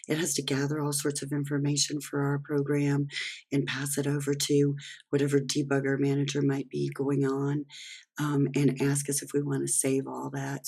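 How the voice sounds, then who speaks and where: Working through a screen-recorded coding lesson, a programming instructor explains each step in a hoarse voice that is giving out. The voice is mid-range with a darkish tone.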